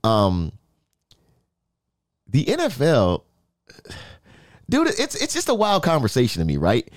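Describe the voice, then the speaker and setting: A man's voice: medium pitch, huge pitch swings, slow pace, dry recording, clean studio sound. A man co-hosting a sports talk show, speaking emphatically and often checking in with "right?". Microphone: in-ear monitor, studio.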